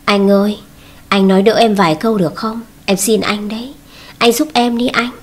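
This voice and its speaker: A woman's voice: mid-range voice, normal speed, breathy edge, natural voice. A woman reading as a wife begging through tears. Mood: pleading. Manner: pleading, tearful. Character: young wife sobbing and begging her husband.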